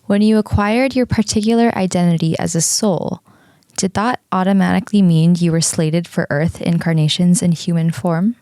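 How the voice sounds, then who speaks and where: A woman voicing a male hypnotherapist who asks his patient careful, measured questions. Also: fairly low pitch, fairly even intonation, warm tone, clean tone, no echo, lightly acted. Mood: probing.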